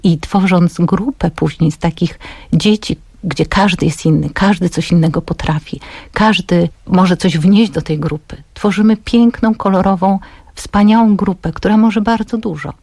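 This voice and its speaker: Gravelly-voiced guest, dry studio sound. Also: mid-range voice, normal speed, a little mellow, no echo. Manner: builds long lists of phrases. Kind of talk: earnest reflective talk.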